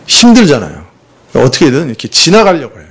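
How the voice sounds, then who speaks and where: Husky-voiced pastor with a lively, swinging delivery. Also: male voice, a little high, fast talker. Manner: talks with the congregation through rhetorical questions; confessional, uses himself as the example. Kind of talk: conversational sermon.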